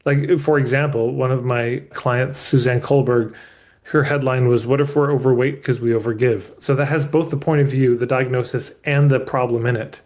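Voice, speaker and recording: A man's voice: medium pitch, steady tone, moderate pace, darkish tone. Candid male coach in live session. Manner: candid, emphatic, with casual swearing; restarts mid-thought as he explains. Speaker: business coach.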